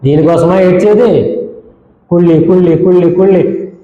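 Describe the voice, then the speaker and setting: In a church hall, a high-pitched male pastor preaches at normal speed, scolding his congregation with rhetorical questions and repeated lists. The hall sounds dull and echoey, with long reverb.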